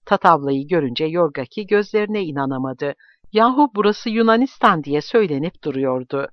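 A man's voice: fairly high pitch, no echo. Man reading a novel aloud, dull lo-fi. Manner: even, measured storytelling. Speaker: audiobook narrator. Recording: dull lo-fi dry recording.

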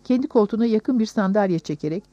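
A woman narrating a novel in the first person with calm, measured storytelling, on a dull recording. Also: mid-range voice, no room sound. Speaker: audiobook narrator.

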